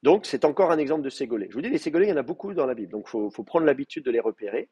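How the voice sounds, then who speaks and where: A man's voice: mid-range voice, animated, racing, mellow, breathy edge, dull audio. A male teacher giving a live class, explaining step by step with many fillers and checking that students follow.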